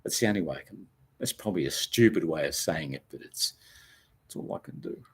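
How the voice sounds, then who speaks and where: An older Australian man, a former radio presenter, chatting casually on a live stream, reading out viewer comments in a relaxed, rambling, self-deprecating way. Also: rumbling low, brisk, husky.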